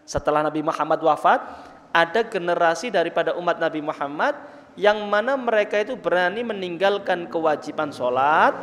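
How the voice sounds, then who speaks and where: A man's voice: a little high, animated, fairly quick, fairly bright tone. A man with an East Javanese accent preaching a folksy sermon, speaking straight to his congregation. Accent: East Javanese Indonesian. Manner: folksy, mixes Javanese, addresses the congregation directly. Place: mosque. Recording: reverberant mosque hall.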